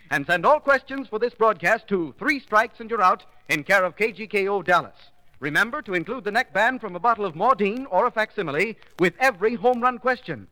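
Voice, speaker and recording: Old 1940s radio announcer guy doing a formal ad pitch, high voice, long echoey reverb. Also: bright, forceful tone. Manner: formal, emphatic sales-pitch delivery. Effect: old 1940s radio broadcast recording.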